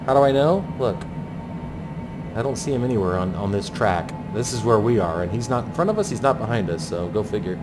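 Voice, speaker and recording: A man's voice: lowish voice, lively intonation, a little fast, over loud music. A man giving running commentary as he flies a landing approach, thinking aloud in clipped aviation jargon. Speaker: flight simulator pilot narrating.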